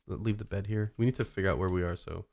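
A streamer giving live gameplay commentary, excitable, swearing constantly and breaking into laughter and yells. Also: low voice, fast talker, gravelly, heavy background noise.

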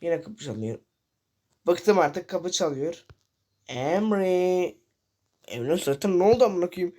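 A man's voice: sits high, expressive, measured pace, mellow. A man giving casual commentary over a horror game, reading and translating the characters' lines aloud and swearing freely. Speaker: gaming channel host.

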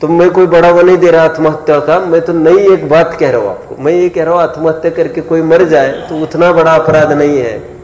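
Man, scripture lecture, fairly high voice, rhetorical questions to the audience, long hall reverb. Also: a little mellow. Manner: keeps checking that listeners follow, asking rhetorical questions. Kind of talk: sermon-style scripture lecture.

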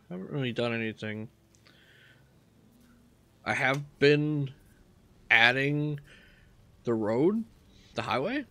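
A man casually talking through his gameplay, relaxed and rambling as he thinks aloud. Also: medium pitch. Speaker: gaming channel host.

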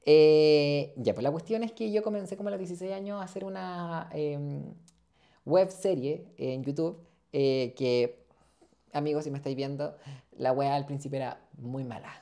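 On the high side with vocal fry and a dark tone, this man's voice moves at normal speed. He's a Chilean dental student in his twenties, a podcast guest rambling loosely with slang and plenty of fillers in a casual interview. A lapel mic captures him seated in an armchair in a small studio.

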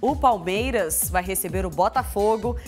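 A young woman with a Brazilian accent presenting a lively sports news segment in a TV studio. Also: mid-range voice, moderate pace, faint music behind. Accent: Brazilian Portuguese. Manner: lively, laughs along with co-host. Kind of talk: live TV sports segment, chatty.

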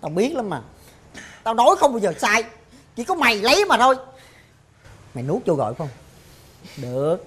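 A whiny, suspicious southern older sibling. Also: female voice, mid-range voice, very animated, moderate pace, pauses often, breathy edge. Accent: Southern Vietnamese. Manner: accusing and whiny, swings from pleading to shouting. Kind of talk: rural family TV drama.

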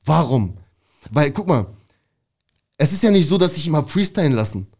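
A young man from Berlin, an interview guest telling a story in a casual, slangy and animated way. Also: a little high, moderate pace, slightly rough. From Berlin, Germany. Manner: slangy and animated, calls the listener "bro".

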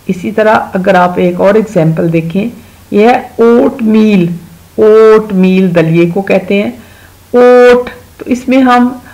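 A woman with a Pakistani accent teaches children at home, talking slowly and patiently. Her voice has a gravelly texture, and she draws out each example word so the sounds come through clearly. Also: mid-range voice, darkish tone, poor audio. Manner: patient, slow explaining, drawing out sounds in examples. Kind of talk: home-school lesson explaining English vowels to children.

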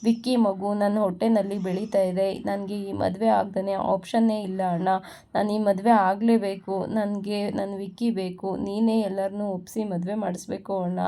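A pleading, lovesick younger sister, read by a woman recapping a serial. She speaks insistently, the voice mellow and dark with a gravelly edge. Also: medium pitch, close to an everyday voice.

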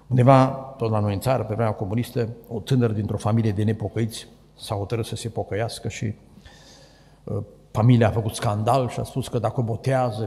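A man with a Romanian accent preaching a sermon, telling stories and acting out the voices, swinging between loud and hushed. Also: medium pitch. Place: church hall. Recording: echoey church hall.

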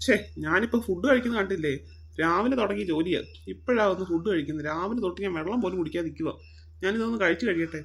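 A woman voicing a grumbling, peevish male zoo worker in a cartoon, with a husky voice. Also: on the low side, fast talker. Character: grumpy lazy male zoo worker, adult. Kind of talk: cartoon voice acting.

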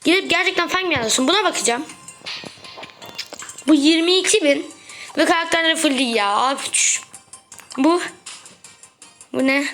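A woman talking through her matches as a gaming video creator, chatty and quick to get exasperated with teammates. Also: sits high, fairly bright tone. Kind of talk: gameplay commentary. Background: background music.

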